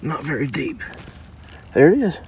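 A man's voice: on the high side, very animated, moderate pace, heavy background noise. A man hosting a relic-hunting vlog, talking earnestly to viewers as he digs outdoors. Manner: talks to viewers while digging, earnest and devout. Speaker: relic hunter, channel host. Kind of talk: casual outdoor dig vlog narration. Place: outdoors in the woods or fields.

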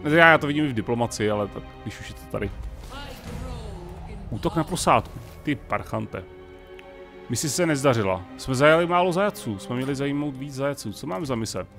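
A man's voice: mid-range voice, animated, fairly bright tone, faint music behind. A Czech man casually commenting on a strategy game, thinking aloud and talking to the characters on screen. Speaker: gaming let's-player.

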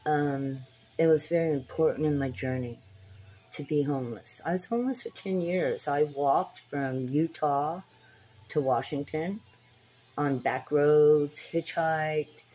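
Older woman, 60s, low-voiced and unhurried, earnest direct-to-camera vlogger on a phone mic, faint background hiss. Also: mellow, low-quality recording. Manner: earnest, preacher-like, addresses viewers directly. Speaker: spiritual tarot vlogger. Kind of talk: casual talk to camera. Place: small dim room indoors. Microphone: phone camera at arm's length.

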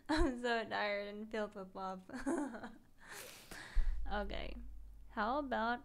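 A tired young woman streamer chatting casually as she reads viewer messages aloud, gushing and emotional, sometimes dropping to a soft whisper. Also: medium pitch, takes it slowly.

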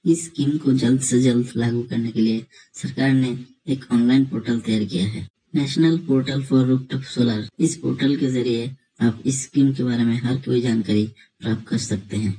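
Narrating a screen tutorial, a man with a mid-range, slightly rough voice guides viewers through an online form one step at a time at normal speed. He explains steadily and calls his audience friends. The recording quality is low.

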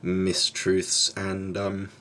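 A man's voice: sits low, completely flat delivery, very slow, pushed and bright. A man in his thirties talking casually, with noise on the recording. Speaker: video maker playing along as call recipient. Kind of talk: casual talk and phone conversation. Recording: clear background noise and clicks.

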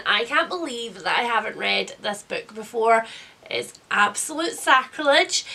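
A book vlogger in her thirties, clearly down with a cold, talks about books in a chatty, self-deprecating, casual way from a small book-lined room indoors. Her pitch leans high and her tone comes across sharp.

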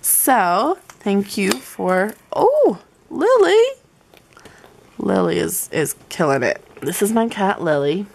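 A woman's voice: lowish voice, expressive, takes it slowly, creaky, hardly any pauses. A young woman gushing over her planner supplies in a casual vlog. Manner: chatty, gushing, says "y'all". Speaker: planner vlogger. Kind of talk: casual show-and-tell vlog.

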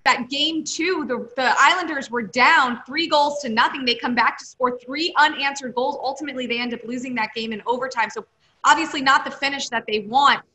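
A woman's voice: high-pitched, fairly quick, bright, forceful tone. A woman in her thirties hosting a sports show by video call, asking questions in a polished broadcast style. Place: home room, video call.

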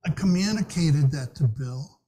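A man in his sixties, a minister, giving a sermon in a small church room, reading in a slow, measured way from his notes. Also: fairly high pitch, lively intonation, mellow, husky, rough recording.

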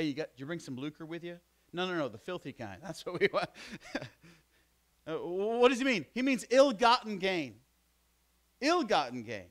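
Fervent preaching man, higher voice. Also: fairly bright tone. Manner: preaching with rising fervor, rhetorical questions and joking asides. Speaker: pastor. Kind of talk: sermon. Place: church sanctuary.

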